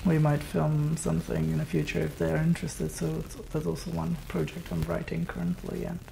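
Guest, man in his 20s, English; gravelly and hesitant delivery. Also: a little high, completely flat delivery, brisk, dark tone, slight background noise. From Slovakia and Czech Republic. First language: Czech and Slovak. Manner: hesitant, restarts mid-sentence, trails off. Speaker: guest filmmaker. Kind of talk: casual interview chat.

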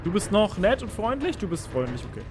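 A man's voice: high voice, very animated, quick pace, over music. A man commenting casually while playing a horror game, easily startled and pleading with the enemies on screen. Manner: jumpy, pleading and squealing at enemies. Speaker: let's play gamer.

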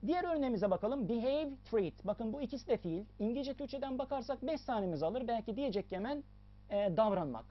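Talking at a quick pace, a female English teacher runs through a lesson with plenty of sing-song energy. She leans on key points and says them again, her pitch swinging up and down, on a somewhat muffled, lo-fi recording.

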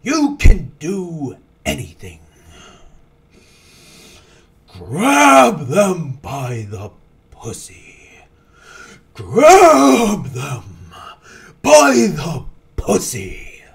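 A man giving a dramatic reading like a hammy stage actor, theatrically swinging between hushed whispers and loud cries. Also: fairly high pitch, huge pitch swings, drawn-out words, gravelly, long pauses.

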